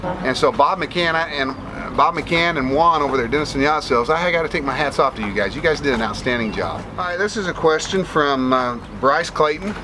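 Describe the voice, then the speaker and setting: A man's voice: fairly high pitch, a little fast. A man in his forties, casually answering viewer questions to camera from a sailboat deck, rambling with restarts and fillers. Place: outdoors on a sailboat deck in a bay. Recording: outdoor boat noise behind voice. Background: boat and water ambience.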